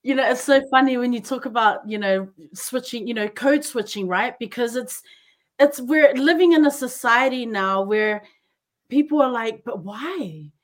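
A woman's voice: a little high, normal speed. A woman hosting a casual interview, speaking in an effusive, affirming way. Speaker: podcast host.

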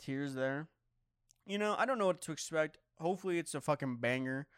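A man's voice: a little high, lively intonation, fairly quick, a bit bright, clean tone, no room sound, clean studio sound. A young man streamer chatting casually to viewers, rambling and swearing, often stumbling over his words. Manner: rambling, profane, stammering restarts.

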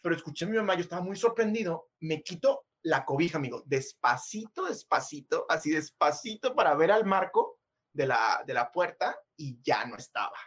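A man with a Mexican accent, a podcast co-host telling a personal story in a casual, animated, slangy way, laughing often. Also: a little high, a little fast.

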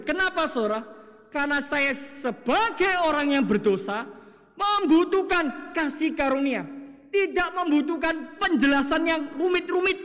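Male preacher, very high and animated, rhetorical questions, recorded in a reverberant church hall. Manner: rhetorical questions, swings from loud to hushed; acts out quoted voices in his stories. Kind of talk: sermon.

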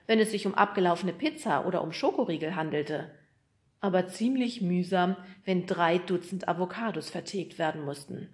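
A woman reading a children's book aloud as an audiobook narrator, in a lively, expressive way. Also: fairly low pitch.

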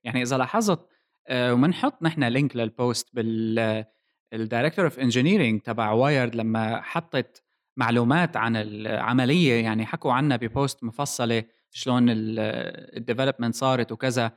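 A man's voice: mid-range voice, fast. A man with a Levantine Arabic accent hosting a casual tech discussion, explaining things and dropping in English technical terms. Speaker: podcast host.

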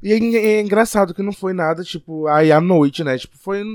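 A man talks casually on a podcast, reflective and a little hesitant as he thinks aloud. His voice sits a touch high. The sound is dry and close, with no room around it. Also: brisk, a little mellow, dry recording. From Piauí, Brazil. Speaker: podcast co-host.

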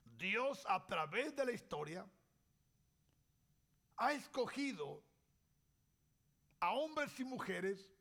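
A man with a very high voice preaches a sermon at a crawling, deliberate pace. His tone carries a gravelly creak, and he poses rhetorical questions between long pauses. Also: a bit bright.

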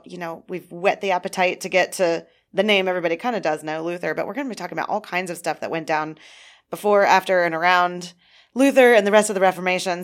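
Woman co-host signing off casually. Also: on the low side. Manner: reactive, joking, signs off the episode. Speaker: podcast co-host. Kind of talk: casual podcast chat.

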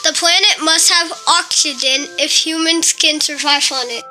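A woman's voice: high voice, steady tone, normal speed. A woman voicing a curious young boy, eager for adventure and full of questions. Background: soft music.

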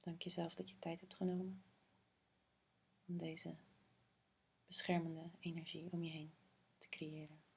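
A woman guiding a meditation in a soft, breathy half-whisper, slow and soothing, with long pauses. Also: low voice, monotone. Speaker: meditation guide. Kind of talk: guided meditation.

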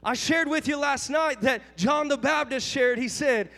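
A man's voice: very high-pitched, normal speed, sharp tone, in a large hall, soft background music. A man pastor preaching a revival sermon in a church sanctuary, fervent, calling out to his congregation for amens. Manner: fervent preaching with call-and-response.

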